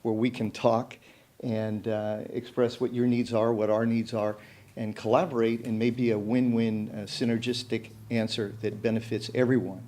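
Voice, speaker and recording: Halting man addressing a commission. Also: medium pitch, a little mellow. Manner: halting, many fillers and restarts. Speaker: club representative at public meeting. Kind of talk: unscripted public comment. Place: city commission meeting room.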